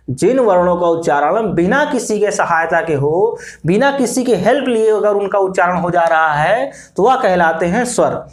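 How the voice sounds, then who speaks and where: A man from India with an Indian accent teaching a grammar lesson, repeating phrases slowly as he writes and asking and answering his own questions. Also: sits high. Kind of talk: classroom grammar lesson at a board.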